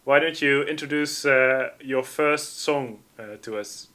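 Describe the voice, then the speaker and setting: A man's voice: medium pitch, a little slow, crowd noise. A man hosting a live music stream, chatting loosely and reading out viewer comments. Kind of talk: casual livestream chat.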